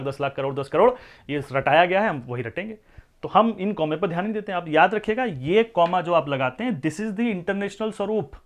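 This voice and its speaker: A man teaching a maths class in a voice pitched a little above most men's. He works through each point patiently and keeps checking whether the students follow. He switches into English to read out the numbers. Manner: explains step by step, often asks the class questions. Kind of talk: classroom lecture.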